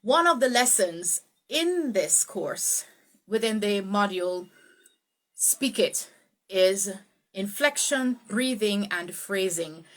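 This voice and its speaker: A woman teaching a live online speech tutorial, greeting viewers and swooping her pitch up and down to show emphasis. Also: lively intonation, slow, fairly bright tone. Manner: greets viewers by name, laughs easily. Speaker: speech coach.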